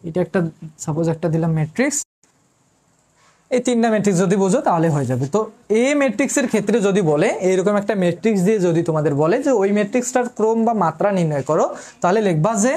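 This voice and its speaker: Mellow-voiced woman math tutor. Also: mid-range voice. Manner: quizzes listeners, then answers her own questions; repeats key terms, informal address to students. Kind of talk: online math lesson.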